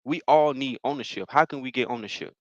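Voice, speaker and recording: A man's voice: mid-range voice, quick pace, no room sound, highs cut off. Young man from Mississippi, casual encouraging workshop host, repeats himself, dry close sound. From Mississippi, United States. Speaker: financial workshop presenter. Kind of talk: live-streamed financial workshop talk.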